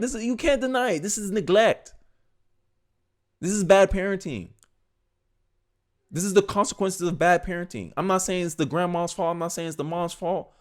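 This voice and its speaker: Blunt, heated male commentator. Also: on the high side. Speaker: online commentator. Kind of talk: reaction commentary.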